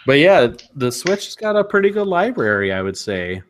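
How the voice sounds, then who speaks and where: A man's voice: a little high, sing-song, moderate pace, slight background noise. A man co-hosting a casual gaming podcast, laid-back and opinionated, chuckling often. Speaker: podcast co-host.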